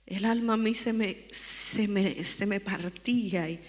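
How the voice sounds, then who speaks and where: A woman's voice: medium pitch, measured pace. Woman giving testimony in a reverberant church. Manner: earnest, emotional storytelling. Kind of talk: personal testimony in a church interview. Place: church sanctuary.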